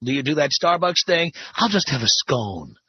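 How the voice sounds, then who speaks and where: A man's voice: on the high side, very animated, normal speed, slightly rough. A male radio host questioning a caller, sarcastic and probing. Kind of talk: call-in radio show. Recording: dull lo-fi radio broadcast.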